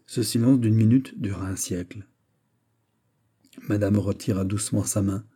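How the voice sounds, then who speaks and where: Male audiobook narrator, low voice, dark and mellow, husky, measured. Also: fairly even intonation. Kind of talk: scripted literary narration.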